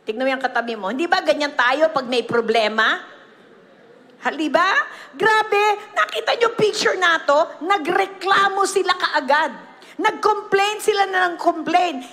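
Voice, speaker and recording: Very high-voiced Filipino woman pastor. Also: long reverb tail. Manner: mixing Tagalog and English, animated storytelling. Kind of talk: sermon. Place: church.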